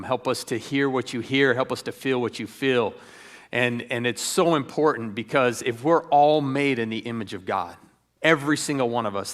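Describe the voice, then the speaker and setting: A man's voice: medium pitch, fairly bright tone. A middle-aged man giving an earnest church training talk, telling stories with frequent ums and restarts. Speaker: ministry speaker.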